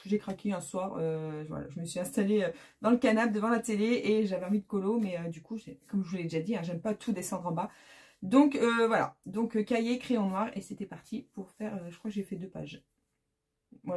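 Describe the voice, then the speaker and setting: Breathy, rambling woman vlogger. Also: medium pitch, a little mellow. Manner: chatty, rambling, many hesitations. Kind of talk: casual chat.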